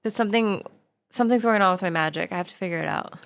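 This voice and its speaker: A woman with a mid-range voice and vocal fry talks very fast while playing a tabletop roleplaying game. She chats casually in character, improvising hesitantly with plenty of filler words, as background music plays.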